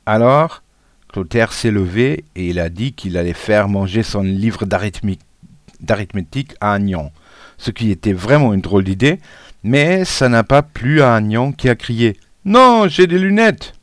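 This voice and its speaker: Male storybook narrator, playful and lively, lowish, dry recording. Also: normal speed, no echo. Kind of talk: storybook reading.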